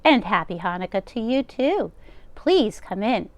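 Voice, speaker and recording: For a read-aloud storybook, a woman with a mid-range, very animated voice plays a kind, fussing ninety-seven-year-old grandmother who is hard of hearing. Her unhurried, chatty delivery is that of a cheerful hostess bustling over guests, captured in a dry recording.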